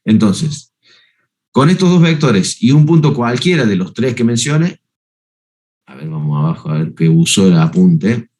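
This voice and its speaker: A man's voice: on the low side, expressive, normal speed, darkish tone. A man giving a university math lecture, working step by step through the notes and checking that students follow. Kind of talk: university lecture on analytic geometry.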